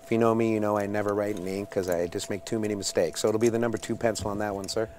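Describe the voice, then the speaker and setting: A man giving hushed live poker commentary, calling each action in a measured way. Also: on the low side, little pitch movement, a little hiss or hum.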